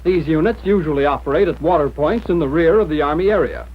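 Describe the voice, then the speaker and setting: An American man reading scripted instructions in the formal, measured manner of a 1940s military training film narrator. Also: fairly high pitch. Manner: mid-century newsreel-style narrator, formal, measured instruction. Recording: dull, lo-fi 1940s film soundtrack.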